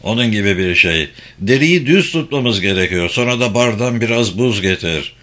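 A man playing a calm commando captain who gives curt, commanding orders. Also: on the low side, moderate pace.

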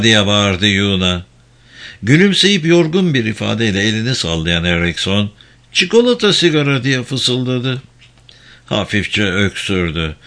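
A man narrating a thriller audiobook in a steady, measured reading voice. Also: on the low side. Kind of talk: scripted narration.

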